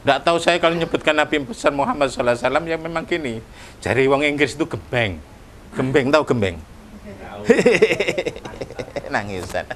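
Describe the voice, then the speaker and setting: Animated East Javanese preacher man. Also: fairly high pitch, moderate pace, a little hiss or hum. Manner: joking, animated, frequent "ya Allah" exclamations. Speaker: Islamic preacher. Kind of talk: sermon. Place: indoor gathering, broadcast.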